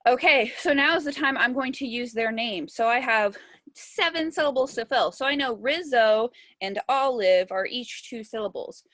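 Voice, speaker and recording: Young woman music teacher, patient step-by-step delivery, slightly high pitch, dry recording. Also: fairly bright tone, dry recording. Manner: patient, step-by-step explaining, sounding words out slowly. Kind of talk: virtual classroom lesson.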